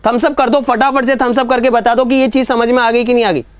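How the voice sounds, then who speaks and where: A man teaching an online reasoning class, often asking whether students have understood and reading statements out slowly. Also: very high voice, fairly even intonation, clean tone, dry recording. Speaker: exam coaching teacher.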